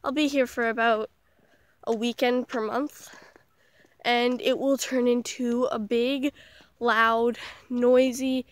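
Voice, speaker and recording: A young woman from Canada, hoarse with the flu, chatting in a self-mocking way as she vlogs outdoors. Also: on the high side, level tone, takes it slowly, pauses often. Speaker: vlogger. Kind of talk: casual vlog while walking outdoors. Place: outdoors in a small town.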